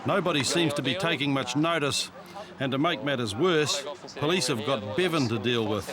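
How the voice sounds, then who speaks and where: A man's voice: medium pitch, moderate pace, crowd noise. A man with a New Zealand accent reading scripted narration for a reality TV police show. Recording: street and traffic noise behind.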